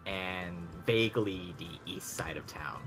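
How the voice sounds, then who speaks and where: A man narrating a tabletop game as game master, relaxed and chatty, laughing often. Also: deep voice, measured pace, faint music behind.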